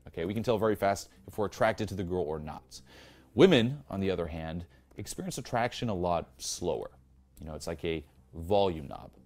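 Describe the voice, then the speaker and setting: A man's voice: sits low, lively intonation, brisk, darkish tone. A young man coaching on dating in a blunt, profane monologue, peppered with "you know" and "okay". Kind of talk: instructional monologue.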